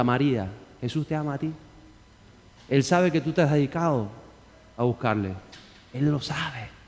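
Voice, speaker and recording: A man's voice: on the high side, big-room sound. A man preaching a sermon as pastor, emphatic, firing rhetorical questions and calling on the congregation to repeat after him.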